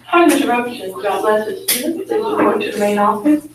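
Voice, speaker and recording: A woman's voice comes through a school intercom, making a short, matter-of-fact call to the office. It sounds distant and echoey over the loudspeaker. Heavy classroom noise surrounds it. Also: fairly high pitch, lively intonation, normal speed. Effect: school intercom announcement. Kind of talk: brief paging announcement.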